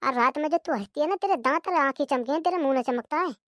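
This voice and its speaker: A woman's voice: high voice, fast, a bit bright, no echo, studio quality. A woman voicing a lazy, rude young husband in a cartoon comedy, mocking and insulting.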